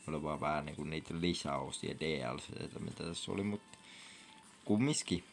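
A young gaming vlogger with a gravelly bass voice chats casually over his gameplay, breaking into sudden whoops and squeals. Faint game music plays in the background.

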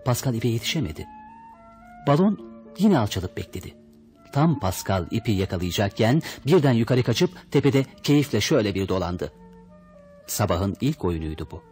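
A man's voice: fairly low pitch, big pitch swings, normal speed, a little mellow, faint music behind. A man reading a children's story aloud, expressively voicing the characters' lines. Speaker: audiobook reader. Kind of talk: storybook narration.

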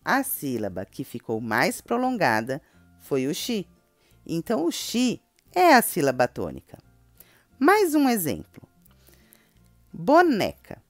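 A Brazilian woman teaching a children's grammar lesson, calling out example words in a drawn-out, sing-song voice. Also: fairly low pitch, huge pitch swings, no room sound, faint music behind. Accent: Brazilian Portuguese.

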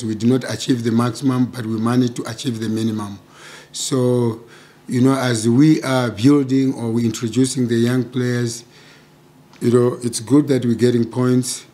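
A middle-aged football coach speaks in an even, flat tone into table microphones at a press conference. His voice is dark and mellow, and he paces his answers with frequent "you know" fillers. A faint hum sits behind him. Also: medium pitch. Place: press conference room with sponsor backdrop. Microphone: table microphones in front.

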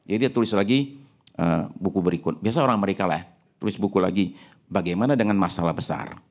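A male pastor preaching a sermon with animated, humorous, personal storytelling, dropping English phrases into his speech. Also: deep voice, fast talker. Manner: animated preaching with frequent rhetorical asides.

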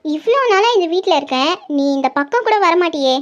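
A woman's voice: very high voice, animated, brisk. A woman voicing a stern young woman in a cartoon who scolds a girl for entering her room without asking. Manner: scolding, demanding respect. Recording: slightly dull lo-fi audio.

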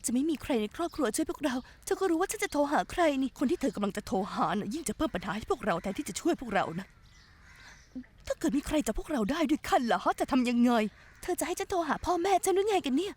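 A woman's voice: high voice, sing-song, quick pace, slightly rough, full character voice. A woman dubbing an anxious, scheming woman who frets and bickers over whom to call for help, in a Thai dub of a TV drama. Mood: fretful. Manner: fretful, bickering.

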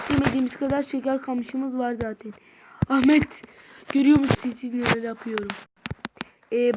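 A woman giving casual, rambling let's-play commentary and chatting to her viewers while she plays. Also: on the high side. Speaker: gamer. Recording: noisy home mic with clicks.

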